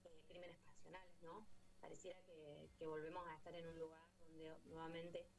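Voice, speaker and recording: An Argentine woman, an actress, talks about her play in a reflective way, with many pauses and fillers. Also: low voice, flat delivery, poor audio. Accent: Argentine Spanish. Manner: thoughtful, many fillers and restarts. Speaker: actress and playwright. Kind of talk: interview answer.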